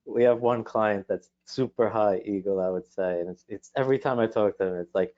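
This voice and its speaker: A man's voice: on the low side, fairly quick, darkish tone. A man talking casually as a guest, mostly giving short agreeing replies. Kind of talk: casual chat. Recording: dull lo-fi sound.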